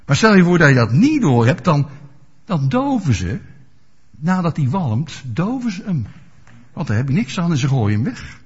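A man's voice: sits high, slightly rough. A male preacher giving a sermon, asking his listeners rhetorical questions and explaining scripture with everyday examples. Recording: dull lo-fi recording.

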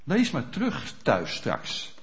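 A pastor preaching a sermon in a church, speaking straight to the congregation with frequent rhetorical questions. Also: male voice, fairly high pitch, measured pace. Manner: animated, addresses congregation directly with rhetorical questions. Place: church hall. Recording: dull lo-fi church recording.

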